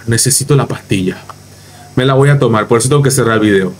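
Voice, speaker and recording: A man from Panama with a Panamanian accent, ranting emphatically through a reaction commentary as a youtuber, repeating his points and mocking others. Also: medium pitch. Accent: Panamanian Spanish.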